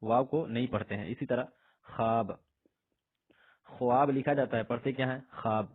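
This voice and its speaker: A man teaching an Urdu grammar lesson. He asks a question, answers it himself, and says each example word slowly and more than once. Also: medium pitch. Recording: husky voice on tinny phone-like audio.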